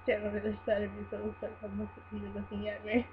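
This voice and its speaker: A woman's voice: medium pitch, completely flat delivery, racing. A woman reads a story aloud in an informal, amateur dramatic style. She occasionally stumbles and restarts. The sound is slightly muffled, with a faint hum underneath. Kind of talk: amateur dramatic reading of fan fiction. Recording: muffled, humming home recording.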